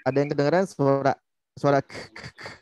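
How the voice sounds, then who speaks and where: A man's voice: medium pitch, fairly even intonation, brisk, a little mellow, smooth, dry recording. Patient man teaching recitation. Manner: patient, demonstrates letter sounds repeatedly. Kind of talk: online tajwid lesson.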